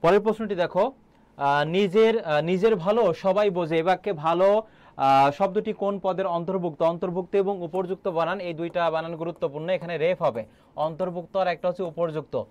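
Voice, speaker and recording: A man's voice: sits high, brisk, a little mellow, dry recording. A young man teaching an online exam-prep class, quizzing students and repeating key answers, with frequent filler sounds.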